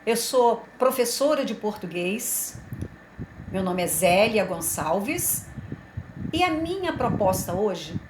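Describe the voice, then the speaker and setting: A woman teaching a Portuguese grammar lesson, explaining slowly and deliberately and repeating the key words. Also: medium pitch, lively intonation, background noise. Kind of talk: classroom lesson at a board. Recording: echoey room.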